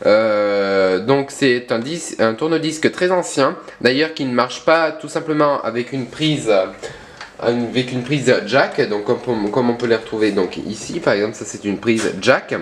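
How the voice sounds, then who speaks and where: A man's voice: medium pitch, a little slow. A young man presenting his own vlog casually, hesitant, with many fillers and self-corrections. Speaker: vlogger.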